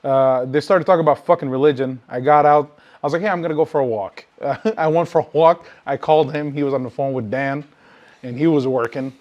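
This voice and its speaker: A man's voice: medium pitch, fairly quick, muffled recording. A man co-hosting a podcast, rambling through stories in casual chat, cursing often. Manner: swears a lot, rambling and loose; animated when telling stories. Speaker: podcast co-host.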